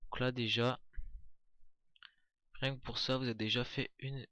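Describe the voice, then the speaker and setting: A man's voice: medium pitch, level tone, unhurried, a bit bright. A man giving casual, chatty commentary on a game walkthrough, hesitant, with many fillers and restarts. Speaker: gameplay commentator.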